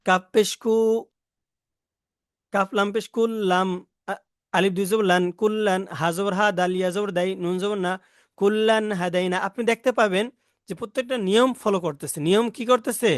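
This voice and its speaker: A man with a Bangladeshi accent teaching Quran reading rules, spelling out Arabic letters and vowel marks in slow, repetitive drills. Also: sits high, fairly even intonation, clean tone, no room sound, studio quality.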